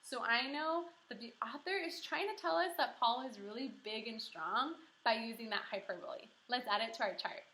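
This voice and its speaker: A kindergarten teacher leads a read-aloud lesson in a slightly high voice, with a roomy echo in the recording. She's encouraging and animated, posing questions and pausing for answers.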